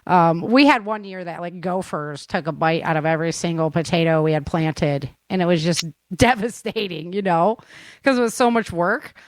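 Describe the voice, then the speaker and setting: This woman, whose voice is on the low side, talks at a normal speed with no echo. As a podcast host interviewing a guest, she keeps the conversation casual and sounds encouraging and affirming.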